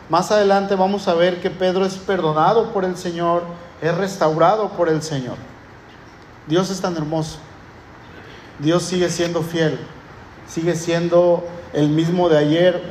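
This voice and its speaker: A high-pitched man with a Mexican Spanish accent preaches a sermon to his congregation, earnest and deliberate. His voice rings through an echoey church, with faint ambience behind him. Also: darkish tone, slight background noise. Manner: earnest preaching, slows down for emphasis. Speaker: pastor.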